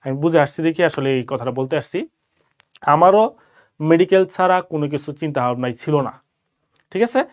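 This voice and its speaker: A man's voice: fairly high pitch, fairly quick, pauses often. A young man from Bangladesh, a medical student, gives casual live-session advice to exam candidates and keeps checking in with "okay?".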